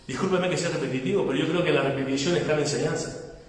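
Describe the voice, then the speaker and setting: High-voiced pastor preaching in an echoey hall. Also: male voice, very fast. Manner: preaching with rhetorical questions and acted-out quotes. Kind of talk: sermon. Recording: echoey hall, mic far off.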